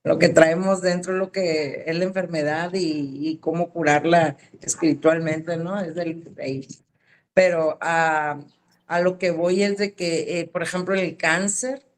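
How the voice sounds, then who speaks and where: A woman speaks in a fairly low voice. She chats casually as a student in the class and keeps adding little tag questions to her sentences. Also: steady tone, a little slow. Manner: chatty, adds tag questions. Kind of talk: casual chat.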